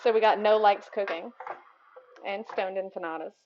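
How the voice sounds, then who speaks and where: A woman's voice: medium pitch, steady tone, moderate pace, highs cut off, background noise. A woman hosting a cooking livestream, chatting casually with viewers and answering their messages with giggles.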